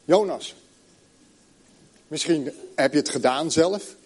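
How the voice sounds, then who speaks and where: A middle-aged man preaching a sermon, telling a story and reading scripture slowly with long pauses. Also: a little high, darkish tone, slightly rough.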